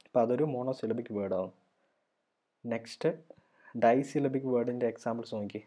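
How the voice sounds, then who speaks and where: A man giving a recorded college lecture, sounding out words slowly syllable by syllable. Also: medium pitch, mellow. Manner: slow, drills words syllable by syllable. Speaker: college English teacher.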